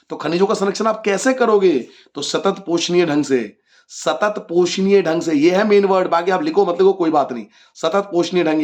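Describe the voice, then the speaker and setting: A man teaching a class 10 geography lesson, asking his own questions and answering them, repeating the key points for his students. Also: a little high. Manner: addresses students as children.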